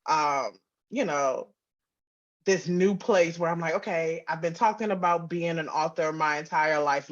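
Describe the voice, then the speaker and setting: Speaking as an interview guest, this woman, a writer and audio drama producer, answers informally and keeps acting out snippets of dialogue. Her voice is low, and the recording sounds muffled.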